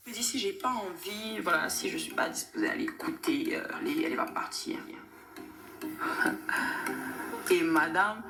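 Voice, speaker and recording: A woman's voice: lowish voice, a little slow, pauses often, over music. A woman speaking firmly and indignantly in a reality show confessional interview. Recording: echoey room with background noise.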